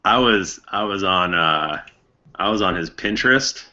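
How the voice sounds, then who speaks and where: A man's voice: sits low, a little slow, pushed and bright, highs cut off, heavily acted. A man playing a sly, goading small-town schemer in improvised role-play, stumbling and needling as he goes. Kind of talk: improvised role-play at a live tabletop game.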